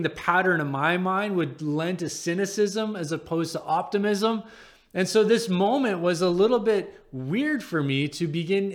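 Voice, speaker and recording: Casting: male pastor, thirties, higher voice, relaxed conversational preaching with restarts. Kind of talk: sermon.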